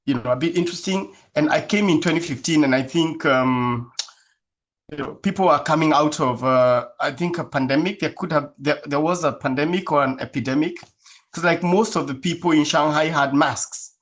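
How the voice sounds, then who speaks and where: A Kenyan man appears as an interview guest, answering casually but in a measured, thoughtful way with many fillers. His voice is fairly high-pitched and fairly bright.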